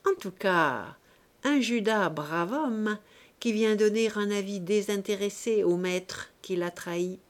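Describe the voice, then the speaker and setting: A woman voicing a shrewd, unhurried male politician with a sly, matter-of-fact manner in an audiobook. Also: mid-range voice, natural voice. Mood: calm. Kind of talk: audiobook character voice.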